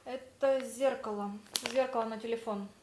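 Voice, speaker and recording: With a high-leaning, steady voice at normal speed, a young woman narrates a casual vlog, acting out quoted dialogue in her chatty everyday stories. She speaks Russian and lives in Spain, and the recording is very noisy.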